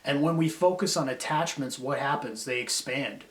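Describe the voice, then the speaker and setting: A man's voice: mid-range voice, moderate pace. A man delivering a rambling, profane, self-critical monologue, drifting between grudges and philosophy. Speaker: vlogger. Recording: roomy echo.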